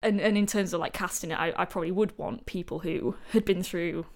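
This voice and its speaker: A woman's voice: fairly low pitch, steady tone, a little fast. A woman hosting a podcast interview, talking thoughtfully in a casual conversational way, often hedging with "sort of" and "like". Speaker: podcast host.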